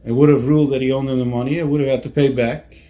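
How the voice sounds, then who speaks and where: Rabbi guy telling a story, easygoing, mellow warm tone. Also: mid-range voice, steady tone, rapid-fire. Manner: casual, conversational storytelling. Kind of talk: storytelling lesson.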